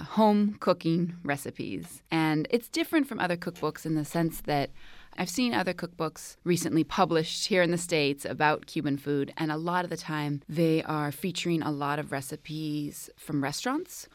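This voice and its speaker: Low-voiced woman explaining in interview. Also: no room sound. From Oakland, California. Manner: thoughtful, explanatory, some restarts. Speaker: cookbook co-author, studio guest. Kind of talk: radio interview. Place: radio studio.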